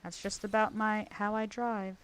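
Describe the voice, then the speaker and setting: A woman streaming a video game, chatting casually in a rambling way, full of fillers and animated asides. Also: medium pitch, normal speed, a little hiss or hum. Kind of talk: casual gameplay chat.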